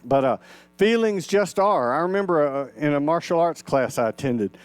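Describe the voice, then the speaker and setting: In a church sanctuary, a man in his sixties preaches a storytelling sermon with an expressive, smooth, mid-range voice at a fairly quick pace, recorded dry. This minister keeps a folksy, conversational tone, recounting personal anecdotes and performing the dialogue himself.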